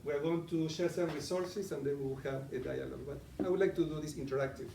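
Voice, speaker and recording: Speaking with an Argentinian accent, a middle-aged coaching presenter gives a conversational live presentation to an audience in a meeting room, putting questions to them. His voice is a little high, a little fast, creaky and dark-toned, recorded far from the mic in an echoey room with a little hiss or hum.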